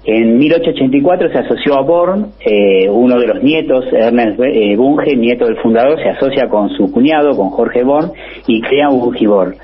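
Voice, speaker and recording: A man's voice: mid-range voice, moderate pace, lo-fi sound, a little hiss or hum. A man presenting his weekly agronomy column on a radio show, earnest and informative, with frequent filler sounds. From Argentina. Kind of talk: radio column, explanatory talk.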